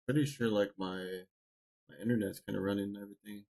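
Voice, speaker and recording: A man's voice: on the low side, fairly even intonation, quick pace, vocal fry, warm tone, rough recording. A man casually chatting on a live game stream from his home computer, rambling with lots of fillers as he talks to chat and a friend. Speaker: gaming streamer. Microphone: desk mic.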